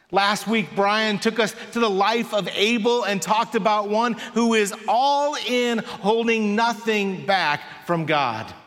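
A man preaching a sermon in a church in an unhurried, conversational way with dry touches of humor. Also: sits high, fairly bright tone. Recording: long reverb of a large hall.

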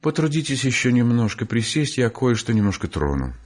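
A man reading an audiobook voices a shy, embarrassed young painter who speaks quietly and hesitantly. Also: medium pitch, big pitch swings, brisk. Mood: polite.

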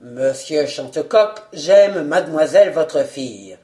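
Brief: shrewd, warm detective, emphatic and confident, voiced by the book's reader. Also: mid-range voice, animated, unhurried, lightly acted. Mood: teasing. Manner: assured, fatherly, emphatic. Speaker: detective in a novel. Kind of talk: audiobook character reading.

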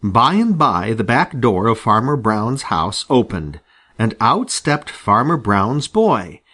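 A man reading a children's animal story aloud with an expressive, lively delivery. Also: medium pitch, slow, husky. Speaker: audiobook reader. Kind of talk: storybook narration.

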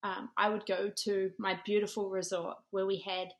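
In a somewhat muffled recording, a thirtysomething New Zealand woman talks with a medium pitch and little pitch movement, keeping a moderate pace. As a podcast interview guest, she chats and shares stories about her background as a former college golfer and ministry director.

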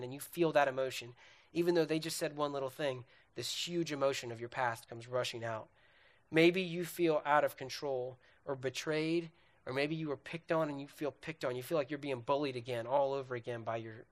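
A young man with a slightly raised voice gives an earnest sermon on relationships. He talks in a loose, conversational way, addressing the listeners directly and checking in with them often. He names feelings and questions one after another. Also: a little high. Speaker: speaker on relationships.

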